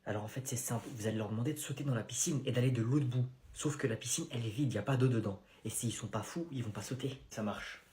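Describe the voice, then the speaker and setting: A man voicing a scheming male hospital staffer who talks in a low, conspiratorial mutter. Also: fast talker, few pauses, a little mellow, echoey room, lightly acted.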